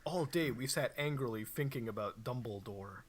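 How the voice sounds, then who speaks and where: A man's voice: mid-range voice, moderate pace, slight background noise. A young man doing a mocking dramatic reading, full of sarcastic, wry asides.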